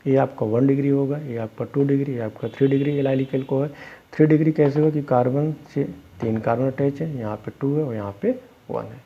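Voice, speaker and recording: Man teaching chemistry, husky gravelly voice, quizzes students then answers himself, dull recording. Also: medium pitch, fairly even intonation, fairly quick. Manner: explains step by step, asks students questions and answers them himself; calls students "beta". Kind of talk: classroom lecture.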